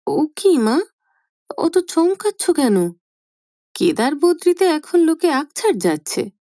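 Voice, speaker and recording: A woman voicing a grown son in a storybook reading, hurried and sheepish, talking too much to cover his unease. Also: high-pitched, big pitch swings, mellow, dry recording, clean studio sound, pitched above the performer's own voice, full character voice. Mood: flustered. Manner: hurried, over-explaining, sheepish. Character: anxious grown son, eager and flustered. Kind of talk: audiobook character voice.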